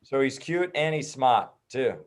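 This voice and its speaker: A man with an American accent and a smooth, mid-range voice talks a little slowly, loose and joking. He's a guest in a casual interview, an organizer of an activist group, and the talk is a relaxed chat.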